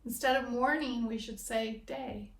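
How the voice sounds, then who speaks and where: A woman's voice: on the high side, a little slow, vocal fry. A woman hosting a podcast, musing in reflective spiritual chat and playing on the meanings of words. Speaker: podcast host. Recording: echoey room.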